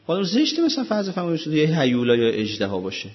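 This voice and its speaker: Man, sermon, religious lecturer, husky voice, rhetorical questions, muffled lo-fi sound. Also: a little high, huge pitch swings.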